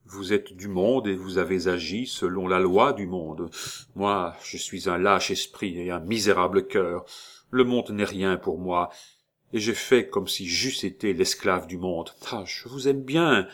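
A man voicing a young count, a grieving, guilt-ridden son, speaking quietly in an audiobook reading. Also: unhurried. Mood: sorrowful. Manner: quiet, subdued, low-spoken. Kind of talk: audiobook reading of a classic novel.

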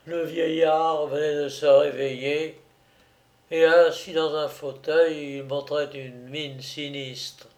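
A man narrating a story in a measured, deliberate reading style. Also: on the high side, level tone, roomy sound. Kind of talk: audiobook reading.

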